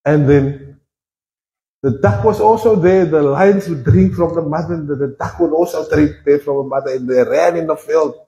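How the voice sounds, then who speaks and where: A South African man preaching a sermon in a church, playful and animated, mixing English and Afrikaans. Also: on the high side, normal speed, vocal fry, reverberant, lo-fi sound. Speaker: pastor.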